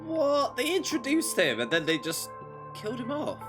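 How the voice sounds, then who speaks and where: A man live-streams a visual novel, dramatically voicing the dialogue and jumping in with wisecracks of disbelief while game music plays. His voice is very high-pitched with wildly swooping pitch, delivered at normal speed.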